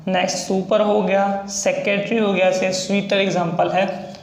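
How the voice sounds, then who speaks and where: High, gravelly male shorthand teacher. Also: level tone, roomy sound, a little hiss or hum. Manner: explains slowly, repeats sounds and steps. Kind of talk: casual spoken lesson.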